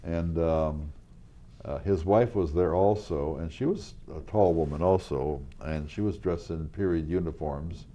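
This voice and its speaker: In a community TV studio, an older man who works as a local historical reenactor tells rambling stories during a casual interview. His voice is loud, low-pitched and unhurried, full of fillers and restarts.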